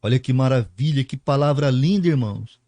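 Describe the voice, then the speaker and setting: A man's voice: medium pitch, brisk, mellow, no echo. A male pastor preaching a sermon, explaining a Bible passage verse by verse and tagging his points with "né?" and rhetorical questions.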